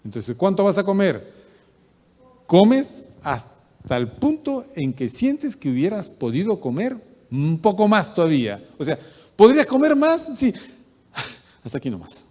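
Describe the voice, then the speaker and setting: A man preaching a midweek sermon as pastor, swinging from loud bursts down to quiet asides. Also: high voice, unhurried, long pauses, in a large hall. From Peru. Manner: animated preaching, rising loud bursts and dropping to near-mutters. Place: church hall.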